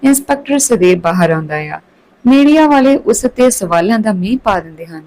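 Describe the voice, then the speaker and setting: A woman narrating a Punjabi-accented story, switching between calm telling and raised voices for quarreling characters. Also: mid-range voice, normal speed, poor audio.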